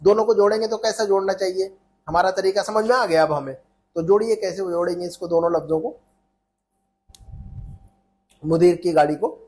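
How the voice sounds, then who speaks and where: A man's voice: high voice, normal speed, pauses often, a little mellow. A man teaching an Arabic lesson in Urdu, repeating phrases and checking that students follow.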